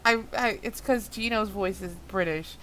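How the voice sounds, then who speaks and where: At normal speed and medium pitch, with a fairly bright tone, a woman reads a fan story aloud for an audio drama. Outtakes show her stumbling again and again, cursing and laughing at her blunders in a self-mocking, exasperated manner.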